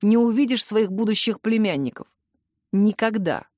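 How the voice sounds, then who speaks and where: A self-assured young man speaks slowly and with a mocking edge, as a woman narrator gives him a slightly lower voice. He stays cool and condescending. Dry, close audiobook sound. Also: expressive, a little mellow, no room sound, natural voice. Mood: smug. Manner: mocking, unhurried. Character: cocky calm young man, smoking boyfriend.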